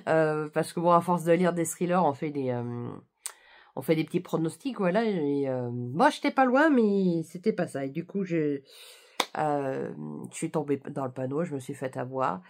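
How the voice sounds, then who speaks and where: A woman's voice: sits low, lively intonation, normal speed, a little mellow. A young French woman book vlogger chatting casually, with many fillers and restarts. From France. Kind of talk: casual chat.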